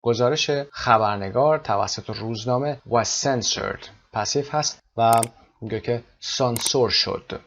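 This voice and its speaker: A male English teacher explaining a textbook lesson, reading English lines slowly and clearly and then explaining them at a quicker pace. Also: medium pitch, a bit bright, muffled recording, a little hiss or hum.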